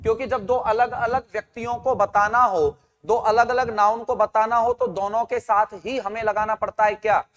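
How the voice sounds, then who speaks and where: A man's voice: high-pitched, steady tone, moderate pace, few pauses, a bit bright, big-room sound. A man teaching an English grammar class, asking his students questions and answering them himself, and calling out their names and answers. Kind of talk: online grammar lesson.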